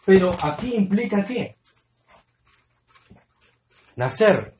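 Preacher, male, slightly high voice, emphatic teacher who repeats key words, recorded in a roomy hall. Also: sing-song, drawn-out words, a little mellow, lo-fi sound, a little hiss or hum. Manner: quizzes listeners with fill-in-the-blank questions. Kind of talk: Bible study sermon. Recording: echoey room sound.

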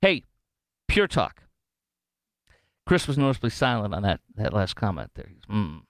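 Hosting talk radio off the cuff, an American man jokes, pushes his opinions emphatically and wanders into tangents between live ad reads. His voice is fairly low and sing-song at a normal speed, clean and resonant in a dry studio sound.

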